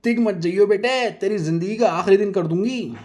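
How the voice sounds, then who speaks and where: A man voicing a loud, rude and boastful woman who scolds and taunts everyone in a storybook tale. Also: a little high, lively intonation, normal speed, pitched above the performer's own voice. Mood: scolding.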